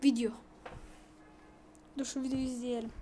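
A woman YouTuber giving casual commentary while playing a mobile game, excitable and prone to frantic repeated complaints. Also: a little high, moderate pace, faint music behind. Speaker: gaming YouTuber.

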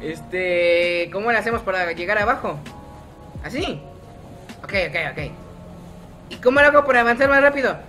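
A man's voice: high-pitched, lively intonation, normal speed, pauses often, sharp tone, faint music behind. A young man giving casual, self-mocking gameplay commentary, chatty and laughing often. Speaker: gaming YouTuber.

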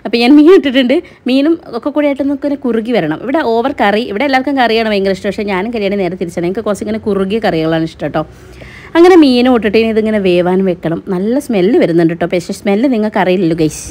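A woman's voice: medium pitch, rapid-fire, darkish tone. A woman chatting casually to viewers while cooking at home, filmed on a handheld phone. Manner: chatty, addresses viewers as guys. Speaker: vlogger and mother. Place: home kitchen and living room.

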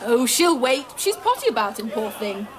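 An actress playing a sardonic, rebellious upper-class daughter in a sitcom, with studio audience laughter. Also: female voice, fairly high pitch, very animated, normal speed, background noise. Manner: sardonic, dry wit. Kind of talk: 1990s studio sitcom acting.

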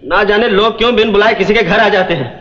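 A man's voice: high voice, fast, bright, forceful tone. An actor playing a young man, a sulky and sarcastic big brother who runs a small eatery, scolding in a wounded way. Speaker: lead film character. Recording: muffled roomy 1970s film soundtrack.

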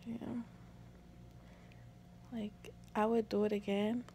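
A young woman speaking softly and tenderly in a hospital room, tired and sore after giving birth. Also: medium pitch, level tone, slow pace, rough recording. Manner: soft, hushed, tender. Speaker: vlogger. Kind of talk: quiet casual vlog chat. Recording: loud background noise.

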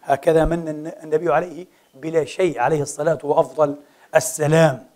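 A middle-aged man preaching a sermon, animated and full of rhetorical questions and quick asides. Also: fairly high pitch.

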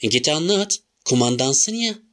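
A man's voice: a little high, expressive, normal speed, a bit bright. A man reading an audiobook, voicing a sulky boy who refuses blame. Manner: sulky, defensive.

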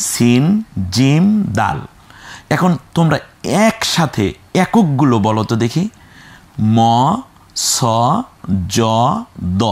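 A man teaching children to read the Quran, patiently drilling letters and syllables aloud and growing emphatic when he warns about mispronunciation. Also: medium pitch. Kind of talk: children's Quran reading lesson.

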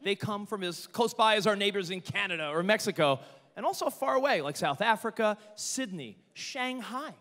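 A man's voice: sits high, animated, normal speed, pushed and bright. A man co-hosting a live pageant show, with an upbeat, showy way of talking. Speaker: pageant co-host. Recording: reverberant arena with crowd.

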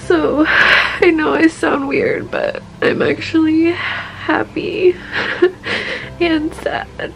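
A woman's voice: sits high, fairly even intonation, very slow, gravelly, long pauses, fairly bright tone, poor audio. A young woman vlogging from her bedroom, emotional and tender, cooing at her dog. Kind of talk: casual vlog talk.

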